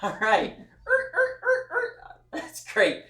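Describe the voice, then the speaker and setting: A man's voice: extremely slow, pushed and bright, slight background noise. A man giving a class presentation speech in a folksy, earnest way and speaking straight to his audience. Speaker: student speaker. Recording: echoey room.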